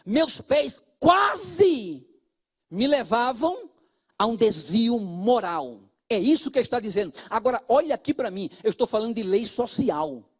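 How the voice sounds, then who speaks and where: Brazilian pastor guy preaching, high voice that swoops all over, loud then hushed. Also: a little slow, breathy edge. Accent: Brazilian Portuguese. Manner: animated, swings from loud to hushed, talks directly to the congregation. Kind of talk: sermon.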